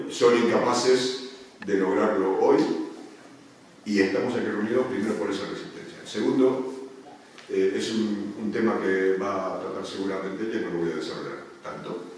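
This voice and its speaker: Speaking on a panel in a union headquarters meeting room, a deep-voiced man from Argentina keeps restarting and filling pauses during a public talk. His tone is darkish, the room echoes, the mic is distant, and a little background noise comes through.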